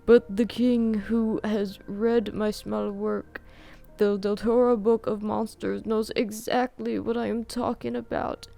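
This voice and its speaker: A woman voicing an excitable, frail old male scholar who lectures eagerly, her voice pitched well above her own. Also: measured pace, creaky, faint music behind. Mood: eager lecturing.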